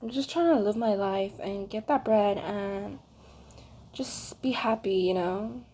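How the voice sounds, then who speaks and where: A woman's voice: mid-range voice, unhurried, dark tone. A woman in her twenties chatting casually on her solo podcast, rambling along with lots of fillers while she crochets. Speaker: podcast host.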